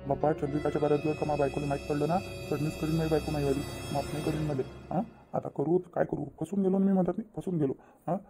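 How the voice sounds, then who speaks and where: In this cartoon, a man plays a sly, cheating husband who talks his way out of trouble. His voice is dark and mellow, yet he rattles along quickly and a bit high. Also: close to an everyday voice. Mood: fretting. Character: sly cheating husband, caught between wife and lover. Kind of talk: cartoon voice acting.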